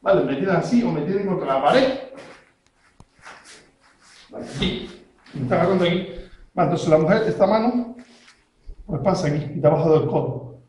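A man teaches self-defense moves one step at a time and keeps checking that his learner is following. His voice sits fairly high. It rings out in a strongly echoing room. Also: animated, moderate pace, pauses often, a little mellow. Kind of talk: hands-on technique demonstration. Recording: very echoey room.

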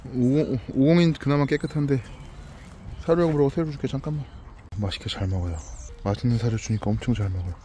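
A man talking gently to two shy country dogs outdoors as he feeds them, with coaxing baby talk and many repeated words. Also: medium pitch, fast, a little hiss or hum. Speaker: vlogger feeding rural dogs. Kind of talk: casual talk to dogs and camera.

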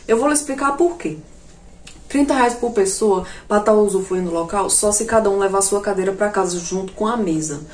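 A woman doing a comic storytelling monologue, animated and jumping to shrill outbursts when she quotes herself. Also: fairly quick. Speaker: comedian. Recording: echoey room.

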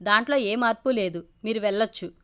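A woman's voice: mid-range voice, brisk, clean tone, lightly acted. A woman voicing a devoted single mother who speaks firmly and earnestly, in an audio storybook. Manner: firm, earnest.

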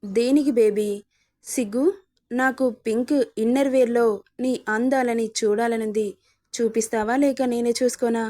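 A woman's voice: a little high, fairly even intonation, moderate pace, dark tone, natural voice. A woman voicing a sadistic taunting husband. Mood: leering. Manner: taunting, menacing. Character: cruel, mocking young husband, a sadistic bully.

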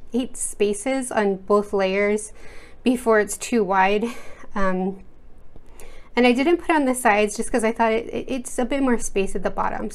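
An art channel host from the United States, a woman with a medium-pitched voice, works at her desk at home and chats casually. She rambles, often using fillers and restarting sentences, while an overhead camera films and she stays out of frame.

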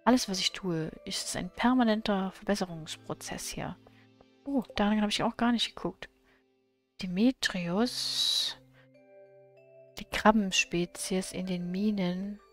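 A woman's voice: medium pitch, measured pace, faint music behind. A woman playing a farming game and chatting casually about her plans as she goes. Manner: chatty, comments on her plans and reads game text aloud. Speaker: let's play gamer.

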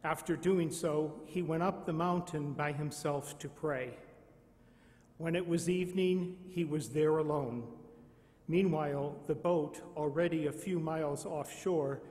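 A man, a priest, reading the Gospel at Mass in a slow, measured way, with a cathedral echo around his voice. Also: a little high, steady tone, darkish tone. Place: large church. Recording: long cathedral reverb.

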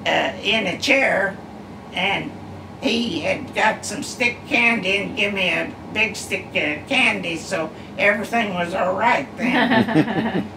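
An elderly great-grandmother with a medium-pitched voice talks slowly about the past, casually rambling through family stories full of uhs. She's in an armchair in her living room, filmed by a distant camera in an echoey room with background hum.

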